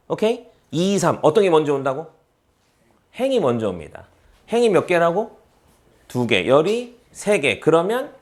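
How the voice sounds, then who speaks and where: Animated male math teacher quizzing students. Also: sits high. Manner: repetitive, checks understanding with rhetorical questions; answers his own questions, teasing students who skipped class. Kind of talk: classroom math lecture.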